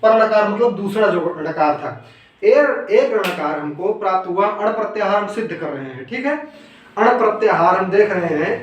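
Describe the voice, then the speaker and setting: A man with a high voice teaches grammar rules step by step in an echoing room, heard from some distance off the mic with faint noise. He asks questions, answers them himself, and keeps repeating key terms.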